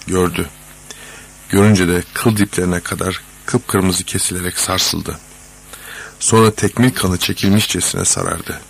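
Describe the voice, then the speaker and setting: Male audiobook narrator; deep, rough, husky, measured and dramatic. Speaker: audiobook reader. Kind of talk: scripted narration.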